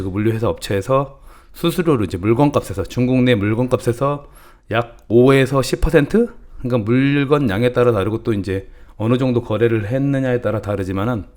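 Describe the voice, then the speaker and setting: A middle-aged man with a lilt talks viewers through import costs in a relaxed, homespun way. His voice sits at a middle pitch and he speaks in casual, familiar speech. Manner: folksy, calls himself grandma, banmal to viewers. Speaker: channel host teaching importing. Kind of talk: casual instructional talk.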